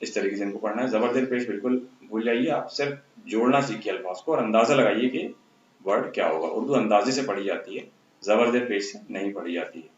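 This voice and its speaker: Man slowly sounding out letters for children. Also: lowish voice. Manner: sounds out letters slowly, then speeds through explanations. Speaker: teacher. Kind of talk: spelling lesson for young children. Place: school classroom. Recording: muffled, roomy with faint hum.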